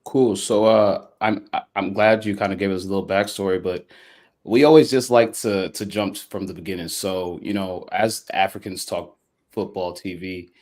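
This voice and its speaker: A man from Liberia hosting a podcast, asking long, relaxed, rambling questions. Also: low voice, normal speed. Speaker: podcast host. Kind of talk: casual podcast chat.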